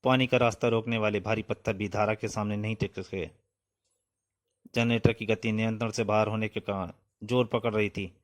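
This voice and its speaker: A man's voice: fairly low pitch, flat delivery, normal speed. A man narrating a comic book story aloud in a vivid, dramatic reading style, speaking sound-effect words as he goes.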